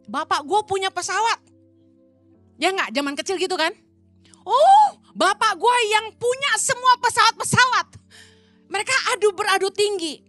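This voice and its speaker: A middle-aged woman from Indonesia preaching in a casual, colloquial way, telling stories and acting out the voices of the people in them. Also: high voice. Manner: chatty, colloquial, acts out quoted voices. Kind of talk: casual storytelling sermon.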